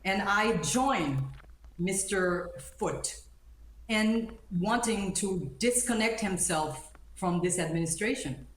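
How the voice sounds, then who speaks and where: An attorney born in Haiti and raised in the United States speaks emphatically and indignantly as a guest in a live news interview. Her medium-pitched voice has lively intonation, and she takes her time. The sound is roomy and echoing.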